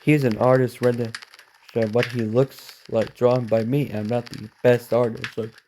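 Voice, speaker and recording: Male reaction host; reads a story aloud haltingly, self-corrects, drops quick asides; mellow tone. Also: medium pitch, level tone, slight background noise.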